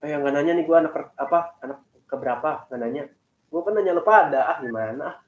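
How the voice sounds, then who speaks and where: A young man chatting casually with classmates, rambling and animated as he tells about his family. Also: a little high, fast talker. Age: young adult. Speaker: student in group discussion. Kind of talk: casual chat. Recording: echoey, phone-like call audio.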